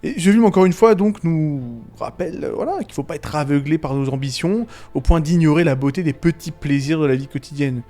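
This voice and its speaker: A man with a slightly raised pitch talks through animated films in a loose, rambling commentary. He leans on fillers and restarts, drops slang freely and chuckles between thoughts, with faint music playing underneath. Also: brisk, hardly any pauses. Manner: slangy and irreverent. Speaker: YouTube film commentator. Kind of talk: casual video commentary.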